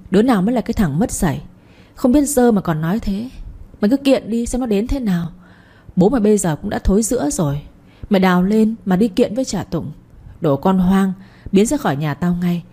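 A woman's voice: medium pitch, expressive, warm tone, breathy edge. A woman voicing a sly, spiteful young village thief who taunts his accuser. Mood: scornful. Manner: taunting, fast and scornful.

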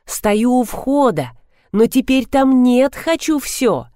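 A woman's voice: sits high, big pitch swings, slow, dark tone, no room sound, studio quality, voice pushed up, full character voice. A woman voicing a pushy, frantic young mother who is insistent and tearful.

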